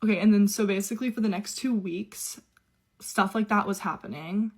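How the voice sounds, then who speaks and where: A woman's voice: mid-range voice, moderate pace, a little mellow. A young woman telling a personal story in a casual, chatty way, full of "like" fillers. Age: young adult. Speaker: au pair telling her story.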